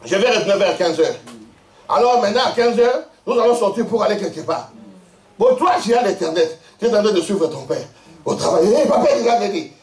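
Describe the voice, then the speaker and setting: A man's voice: sits high, brisk. Man preaching, voice jumps all over, lots of laughing, roomy church sound. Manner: animated storytelling, laughing often, quizzing the congregation. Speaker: pastor. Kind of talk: lively sermon. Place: church hall. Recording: echoey church hall, mic at a distance.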